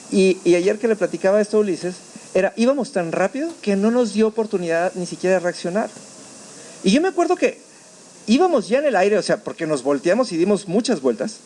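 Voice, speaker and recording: A man with a Mexican Spanish accent preaching a sermon, telling a story with animated, acted-out voices. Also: sits high. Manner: animated storytelling, acting out his own shouts. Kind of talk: sermon testimony. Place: church.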